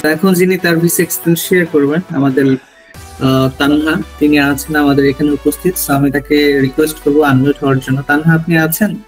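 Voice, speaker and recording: A man hosting an online coaching session, asking formal, measured questions over a video call. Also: fairly high pitch, fairly even intonation, soft background music, low-quality recording. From Bangladesh. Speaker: host of visa coaching session. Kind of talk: online interview.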